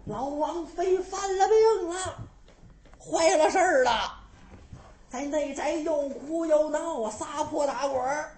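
A storyteller voicing a flustered, excited old maidservant in a traditional storytelling performance, breathless and hurried. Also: high voice, roomy sound, slight background noise, voice pushed up. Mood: alarmed.

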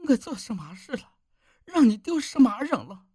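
A husky young village wife, as a male storyteller puts her on, her pleas leaping up and falling low. The voice is close and dry, with no room around it. She sounds wronged and desperate. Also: sing-song, normal speed, dark tone, no room sound, exaggerated voice. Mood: scolding. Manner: pleading, rising to cries. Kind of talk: audiobook character voice.

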